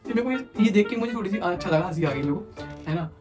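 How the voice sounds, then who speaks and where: A young man casually telling a personal story as a vlogger, animated and acting out what others said. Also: sits high, very fast. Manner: animated, quotes others in acted asides. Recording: music playing underneath.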